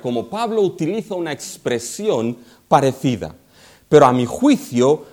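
A man from preaching an expository sermon, slowing down to stress quoted scripture. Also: a little high. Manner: animated, slows for emphasis on scripture quotes.

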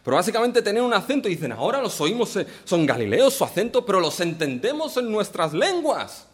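Animated male preacher, lively pitch. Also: fairly quick. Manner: animated preaching with asides and rhetorical questions. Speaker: pastor. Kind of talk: sermon.

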